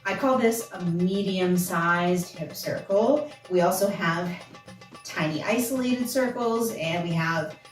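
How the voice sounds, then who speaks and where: A woman's voice: fairly low pitch, slow pace. A woman teaching a belly dance class, counting steps aloud as she dances. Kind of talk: dance tutorial instruction. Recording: roomy, from a distance, with music.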